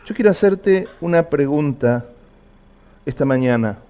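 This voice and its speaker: A man's voice: a little high, lively intonation, measured pace, lo-fi sound. A man preaching a sermon, earnestly asking the congregation repeated personal questions. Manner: earnest, repetitive questions to the listener.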